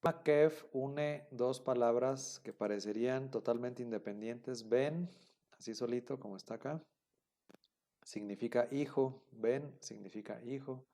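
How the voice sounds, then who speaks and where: A man's voice: medium pitch, measured pace, warm tone. A man teaching a class, explaining patiently and repeating himself with many fillers. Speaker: Biblical Hebrew teacher. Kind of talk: classroom lecture.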